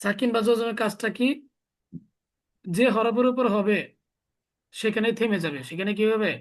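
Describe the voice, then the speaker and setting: A man's voice: sits high, fairly even intonation, moderate pace. A man teaching a small class, explaining step by step and asking his students the same question again and again. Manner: quizzing students with repeated questions. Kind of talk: classroom lesson.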